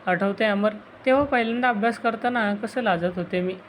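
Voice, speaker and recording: A woman's voice: mid-range voice, a little fast, slight background noise, lightly acted. Woman reading as an anxious young woman in love. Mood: tender. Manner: soft, pleading.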